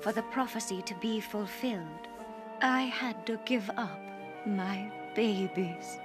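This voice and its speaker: A woman's voice: medium pitch, lightly acted. A woman voicing a grave royal mother. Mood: solemn. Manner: slow, grave narration. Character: solemn royal mother narrating her loss. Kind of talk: 1990s cartoon voice acting. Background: cartoon score music.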